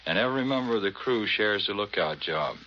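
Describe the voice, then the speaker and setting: This American Navy commander, heading a patrol squadron, answers scripted questions plainly and modestly over a muffled 1940s radio broadcast with some noise. He speaks briskly and expressively in a fairly low voice.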